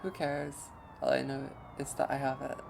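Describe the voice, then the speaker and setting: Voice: mid-range voice, level tone, moderate pace, vocal fry, noisy background. A streamer voicing a brash, cocky teen girl. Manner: loud and cocky. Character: brash snarky teenage girl, blunt and bossy. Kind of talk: voicing a game character during a let's play. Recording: over game music.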